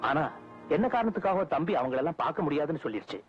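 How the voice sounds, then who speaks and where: A man playing a scheming manager who plots to grab a widow's property, speaking in a cunning, brisk way, from an old film soundtrack. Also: a little high, big pitch swings. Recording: dull old film audio with music.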